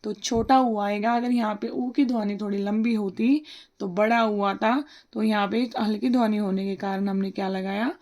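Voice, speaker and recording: A woman teaching a worksheet lesson for young children, sounding out each syllable slowly and asking questions that she answers herself. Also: medium pitch, fairly even intonation, a little mellow. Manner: slow, sounds out syllables one by one.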